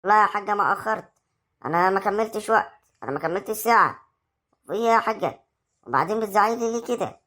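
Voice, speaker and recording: A woman's voice: mid-range voice, lively intonation, racing, pauses often, fairly bright tone. A woman with an Egyptian accent acting a young village wife who coaxes her husband in an amateur family drama. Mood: pleading. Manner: coaxing, persuasive.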